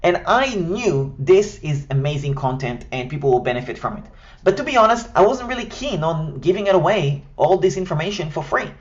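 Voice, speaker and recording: A man on the high side, animated and talking a little fast, gives a scripted tutorial on building an online course, with the highs cut off in the recording. He is from Israel, a native Hebrew speaker with an Israeli accent, and his approach is step-by-step, structured and direct.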